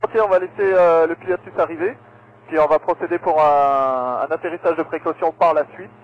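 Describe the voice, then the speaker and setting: A man, an airline pilot speaking from the cockpit over his radio headset in a calm, procedural way. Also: a little high, fairly quick. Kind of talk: aviation radio exchange. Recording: tinny radio transmission with faint static.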